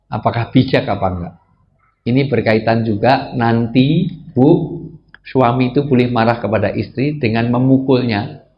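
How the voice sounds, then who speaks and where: Joking Indonesian preacher, big pitch swings. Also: male voice. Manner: joking, swings to high exclamations. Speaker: Islamic preacher. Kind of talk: humorous sermon to a live audience. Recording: slightly dull lo-fi sound with faint ambience.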